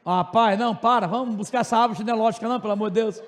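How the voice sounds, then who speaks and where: A man with a Tocantins Brazilian accent teaching a class in a joking way, talking loud and fast with asides to his students. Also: high-pitched, fairly even intonation. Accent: Brazilian Portuguese, Tocantins region. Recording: long reverb of a classroom.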